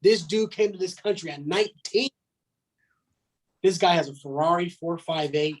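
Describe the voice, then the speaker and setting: A podcast guest in his thirties speaks bluntly and emphatically in casual chat, swearing and filling his talk with "man." His voice is high and his pace moderate, though the audio quality is poor.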